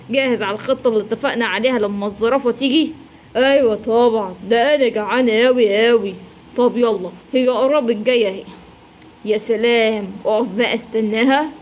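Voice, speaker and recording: A sly, hungry villain lioness, voiced by a woman in a children's story. The voice drops low and menacing, with an Egyptian accent. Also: fairly quick, a little hiss or hum, natural voice. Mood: scheming. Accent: Egyptian Arabic.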